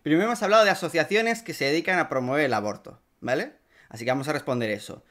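A man with a Spain Spanish accent speaks quickly in a live online debate, his voice sitting a little high. He stays composed, keeps pulling the discussion back to order and asks the other side to relax. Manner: calm, insists on order, repeatedly tells opponent to calm down. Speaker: YouTuber debating.

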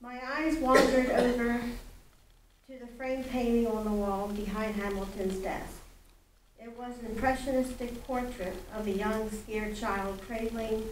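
A woman author giving a measured, deliberate public reading of her own novel at a library event, recorded from a distance. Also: fairly high pitch, steady tone. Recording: roomy echo from afar, faint noise.

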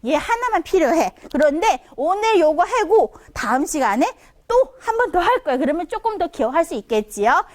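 Female language teacher, high and animated, drilling tones for seniors. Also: fairly quick. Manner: demonstrates sounds with big pitch swings, asks and answers her own questions. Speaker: Chinese conversation instructor. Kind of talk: online lesson for seniors.

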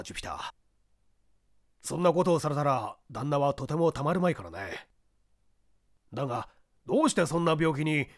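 A woman voicing a calm, educated gentleman who asks measured, gentle questions. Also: sits low, dry recording, clean studio sound, voice pushed down.

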